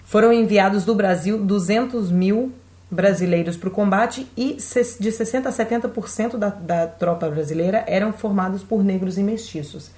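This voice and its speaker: A woman's voice: medium pitch, normal speed, darkish tone, echoey room. A Brazilian woman co-hosting a casual podcast, chatting and thinking aloud with frequent restarts. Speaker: podcast co-host.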